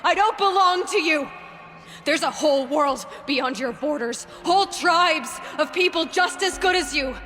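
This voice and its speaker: Aloy, determined young huntress. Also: female voice, high voice, measured pace, a bit bright. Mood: indignant, impassioned. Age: young adult. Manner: earnest, plain-spoken. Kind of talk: cinematic video game acting. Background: faint music.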